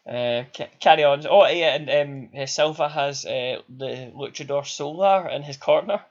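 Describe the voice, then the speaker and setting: A man with a Glaswegian accent, co-hosting a casual podcast chat, enthusiastic and quick to laugh. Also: fairly high pitch. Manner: chatty, laughs often, enthusiastic. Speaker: podcast co-host. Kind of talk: casual chat reviewing a fight. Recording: dull lo-fi podcast audio.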